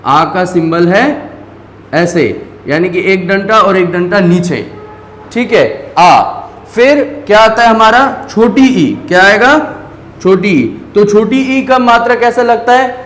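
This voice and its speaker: Male teacher, high voice, patient, asks and answers his own questions, roomy echo. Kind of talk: explaining lesson at a board.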